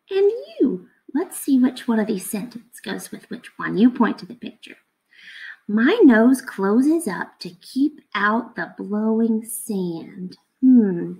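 On a rough recording, a woman in her thirties with a medium-pitched voice and vocal fry reads a picture book to children. She plays the teacher, reading expressively and instructively and posing questions to the kids.

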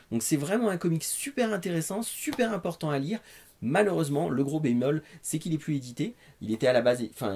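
A man's voice: mid-range voice, a little mellow. A man in his thirties with a French accent, presenting casually to camera in a conversational, somewhat hesitant way. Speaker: host of a comics recommendation show. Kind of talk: casual review talk to camera. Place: living room with bookshelves.

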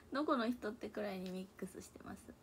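A woman's voice: mid-range voice, creaky, bright, forceful tone, slight background noise. A young woman with a Hakata dialect mixed with Kansai, chatting casually on a livestream from a room at home and often dropping into murmured asides to herself. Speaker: idol livestreamer. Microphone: tablet or phone device.

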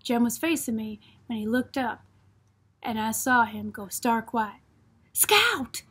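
A woman narrating a novel in a steady, unhurried way, as in an audiobook. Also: fairly high pitch, slightly rough.

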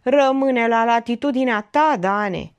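A woman's voice: fairly high pitch, dull audio, pitched above the performer's own voice, close to an everyday voice. A woman voicing a pompous, theatrical older male notary. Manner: pompous, theatrical, drawn-out emphasis.

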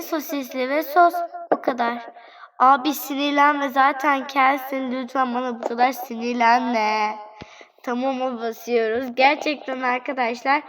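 Woman, high voice, chatty let's-play commentary, talks to viewers, playful. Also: a bit bright, low-quality recording. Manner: playful, fretting over angry customers. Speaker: gaming channel host.

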